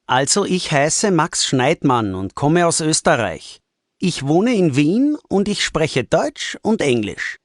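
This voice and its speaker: A man's voice: on the high side, very animated, slow pace, no echo, clean studio sound. A man reading a scripted self-introduction for a textbook listening exercise, carefully enunciated. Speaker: textbook audio speaker.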